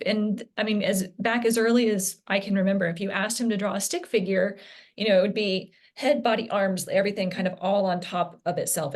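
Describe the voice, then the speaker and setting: A mother speaks as a guest in a candid interview, her voice sitting in an ordinary middle register. She talks earnestly and haltingly, often restarting her sentences as she recounts her son's struggles. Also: medium pitch.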